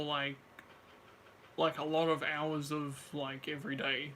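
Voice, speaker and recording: Bright-voiced man chatting casually, a bit high. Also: a little hiss or hum. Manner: swears casually, slangy. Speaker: gamer chatting with a friend. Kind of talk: casual chat.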